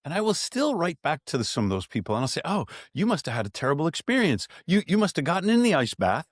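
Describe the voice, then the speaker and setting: A man's voice: fairly high pitch, fast, no room sound, clean studio sound. A man who founded an ice bath company, telling stories in a podcast interview and acting out the voices of the people he quotes. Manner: animated storyteller, acts out quoted voices.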